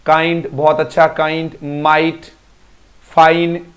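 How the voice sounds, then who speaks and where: A man's voice: on the high side, monotone, slow pace. A male teacher in a live online class, repeating words to drill pronunciation and praising students by name. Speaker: English teacher.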